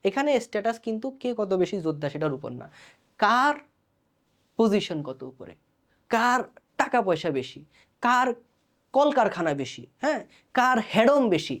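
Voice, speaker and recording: A man with a Bangladeshi Bengali accent giving a recorded exam-prep sociology lecture, talking colloquially and answering his own quiz questions. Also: sits high. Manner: colloquial, poses questions then answers them himself. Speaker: sociology tutor.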